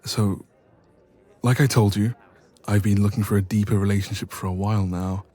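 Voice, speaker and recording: This is a man voicing an affectionate young male best friend in a romance audio roleplay, lightly acted at a moderate pace. His lowish voice is dark and relaxed, with a hesitant, intimate, gently teasing quality and a nervous, tender mood.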